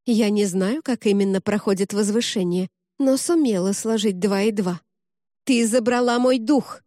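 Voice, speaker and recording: A woman reading an audiobook, voicing a bitter, vengeful young woman who shouts her accusations in rage. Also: mid-range voice, normal speed, dry recording, clean studio sound, natural voice.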